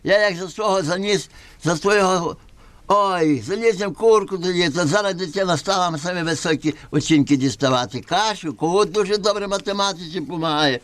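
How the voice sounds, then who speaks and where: A man's voice: sits high, a little fast, fairly bright tone. A man playing a garrulous, folksy sixty-year-old villager with a Galician western Ukrainian accent in a puppet comedy. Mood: friendly, chatty. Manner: garrulous, folksy, repeating himself. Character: chatty sixty-year-old village man giving foolish homely advice. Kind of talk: folk puppet theatre comedy.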